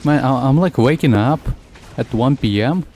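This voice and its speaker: A man's voice: mid-range voice, animated, darkish tone, a little hiss or hum. Rambling male streamer. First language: Russian. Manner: rambling, halting, heavy with fillers. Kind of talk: casual gameplay commentary.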